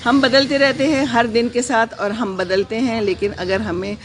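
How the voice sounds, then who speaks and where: Soft-spoken woman chatting on a live stream outside in her garden, slow and reflective, blessing everyone, faint background hum. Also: fairly high pitch, steady tone. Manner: gentle, reflective, unhurried with pauses and fillers; mixes English phrases into her talk. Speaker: vlogger hosting a live stream. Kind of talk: casual live-stream chat, reading viewer comments.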